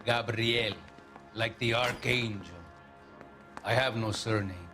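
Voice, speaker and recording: A man's voice: on the low side, slow, over music. A man playing a haughty, pompous Argentine diplomat, formal and easily offended, in a crime drama video game. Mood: disdainful.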